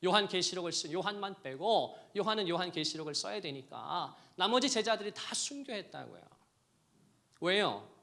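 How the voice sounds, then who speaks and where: Bright-voiced Korean man preaching a sermon. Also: high-pitched, animated, moderate pace, vocal fry. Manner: swings between hushed quoting and loud emphatic preaching. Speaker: pastor.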